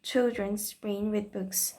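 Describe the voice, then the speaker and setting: A woman's voice: medium pitch, fairly even intonation, slow, warm tone. Angry accusing mob leader, read by a woman. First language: Korean.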